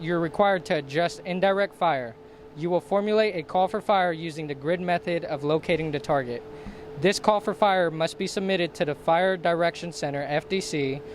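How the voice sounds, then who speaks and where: A man giving scripted military instruction in a formal, procedural manner, enumerating each step. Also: on the high side. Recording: clear steady ambient background noise.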